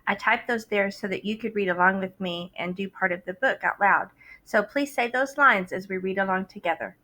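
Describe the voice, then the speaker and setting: A teacher reads a picture book aloud to her students, performing it expressively with dramatic pauses and sudden shouts. Her voice is medium in pitch, and the recording is rough.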